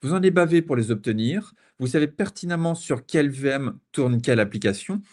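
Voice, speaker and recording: A man's voice: mid-range voice, brisk. French man joking through a tech talk. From France. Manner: lively, joking analogies, stumbles on repeated words. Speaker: conference speaker. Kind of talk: technical conference talk.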